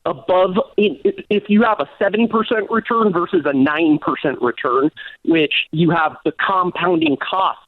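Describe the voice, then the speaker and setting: A man's voice: sits high, big pitch swings, normal speed, no echo. A man in his thirties calling in over a phone line, blunt and combative. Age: 30s. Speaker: caller.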